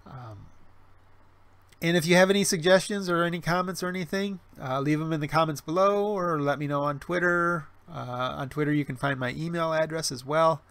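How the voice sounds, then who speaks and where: Through a webcam stream mic with no room sound, a man in his 40s reads livestream chat in a smooth, slightly bright, fairly high voice at normal speed. His casual talk rambles along with restarts and fillers, and he makes wry jokes about himself.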